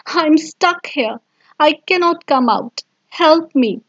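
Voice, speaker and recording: A woman's voice: high voice, slow, fairly bright tone. A woman voicing a hungry, greedy little male mouse who pleads and sobs for help. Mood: pleading. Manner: pleading, sobbing. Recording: dull lo-fi sound.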